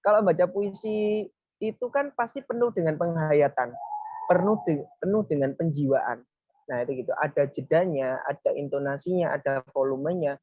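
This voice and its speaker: A religious speaker, giving a casual Friday talk and explaining step by step in a relaxed way. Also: medium pitch, normal speed, no echo. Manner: relaxed, explaining step by step, often saying "nah, itu gitu"; talks to a helper advancing slides. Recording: dull, lo-fi, dry.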